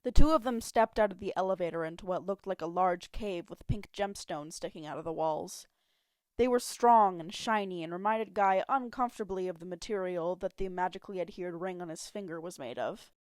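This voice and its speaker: A woman's voice: mid-range voice, a little mellow, dry recording, clean studio sound. A woman narrating fan fiction as an amateur audiobook reader on a home mic, telling it expressively. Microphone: home mic, not professional.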